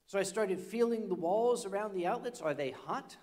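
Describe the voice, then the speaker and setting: A man's voice: high-pitched, animated, normal speed, darkish tone. An older man telling a comic story on a convention stage, rambling and self-mocking with humorous asides. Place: convention stage before an audience.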